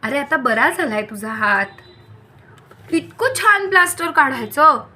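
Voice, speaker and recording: A woman's voice: high voice, lively intonation, unhurried, sharp tone, heavily acted. A woman voicing a kind, patient father in a children's story, encouraging and cheerful. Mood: coaxing.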